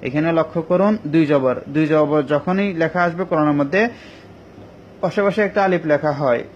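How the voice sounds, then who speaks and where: A male teacher giving an online Quran recitation lesson, explaining each rule patiently and step by step with many pauses. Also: fairly high pitch. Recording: dull lo-fi recording with faint ambient noise.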